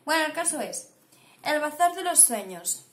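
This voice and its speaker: Chatting informally to camera about books, a young adult woman with a Castilian accent speaks in a high, sing-song voice at a moderate pace. She's in a small, echoey home room with noticeable background noise.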